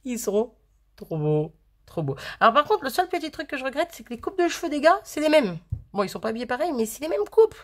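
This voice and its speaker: A woman's voice: high voice, expressive, very fast. A woman from France chatting casually to camera as a craft vlogger, rambling and gushing, often cutting herself off and giggling. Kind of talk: casual chat.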